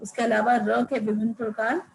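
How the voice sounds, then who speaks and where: A woman school teacher giving a Hindi grammar lesson, explaining each rule twice and drawing out the example words slowly. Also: fairly high pitch, flat delivery, vocal fry, a little hiss or hum, poor audio.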